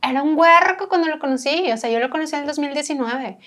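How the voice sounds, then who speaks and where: Speaking fast in a high voice, this architect and restorer from Monterrey chats as a podcast guest with a northern Mexican accent. She tells her stories with plenty of laughter, playing out the dialogue herself.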